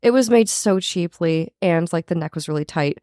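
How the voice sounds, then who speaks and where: Woman podcaster with heavy vocal fry. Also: lowish voice, moderate pace, dark tone, dry recording, clean studio sound. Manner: informal, swearing, frequent "like". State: husky from recent covid. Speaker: podcast co-host. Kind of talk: casual recap chat.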